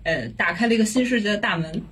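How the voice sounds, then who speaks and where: A woman's voice: medium pitch, fast, fairly bright tone, husky. A woman from Beijing with a colloquial Beijing accent and some mixed influences, chatting casually as an interview guest. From Beijing, China. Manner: informal Beijing colloquial speech. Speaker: guest, visual artist. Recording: faint background noise and room ambience.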